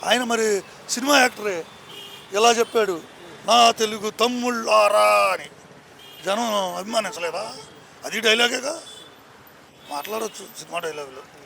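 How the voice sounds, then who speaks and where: A man's voice: high-pitched, moderate pace, gravelly, pauses often, sharp tone, a little hiss or hum. A man giving a heated political opinion to a reporter on a city street. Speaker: member of the public. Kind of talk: street interview answer.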